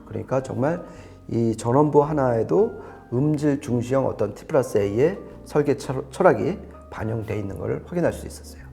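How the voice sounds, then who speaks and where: In this unscripted audio equipment review, a man explains the specs conversationally and with emphasis, faint music playing behind him. His mid-range voice is expressive, creaky, and warm, moving at a moderate pace.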